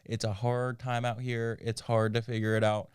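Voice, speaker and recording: Man, twenties, mid pitch, smooth, dry, reassuring casual podcast chat. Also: little pitch movement, moderate pace, no room sound. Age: 20s. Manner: chatty, lots of fillers, gently reassuring. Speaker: podcast co-host.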